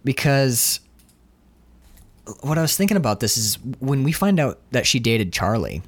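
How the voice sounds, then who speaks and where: A man co-hosts a casual film discussion podcast, speaking animatedly, swearing casually and acting out characters' lines in shifting voices. His voice is medium-pitched and husky, at a moderate pace.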